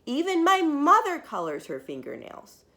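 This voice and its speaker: In a high voice, a woman delivers an animated read-aloud of a children's book the way a preschool teacher might. Her storytelling is emphatic and expressive, punctuated by dramatic pauses and little asides to the young children listening.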